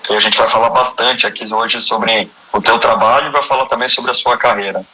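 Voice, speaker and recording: A man's voice: mid-range voice, steady tone, brisk, pushed and bright, breathy edge, low-quality recording. A man with a Brazilian Portuguese accent hosting a casual live-stream interview, chatty and friendly, often restarting his sentences.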